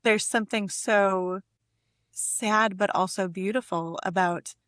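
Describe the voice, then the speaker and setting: Slow-paced and medium in pitch, her voice is fairly bright with fairly even intonation. As a guest poet and editor, she speaks effusively and conversationally in a casual literary chat featuring a poem reading. Studio recording is clean, without echo.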